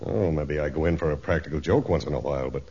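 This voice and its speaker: A man's voice: mid-range voice, big pitch swings, brisk, fairly bright tone. An actor playing a brash, joking man who gets defensive, in 1940s radio drama style, on a dull old recording. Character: blustering joking adventurer, loud and brash.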